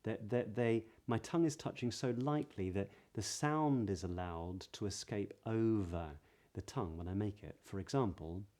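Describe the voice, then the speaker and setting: Male voice coach, British accent, lowish pitch, soft mellow tone, measured explanatory lesson delivery with stressed key words. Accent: British English. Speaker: voice coach, video host. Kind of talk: pronunciation lesson to camera.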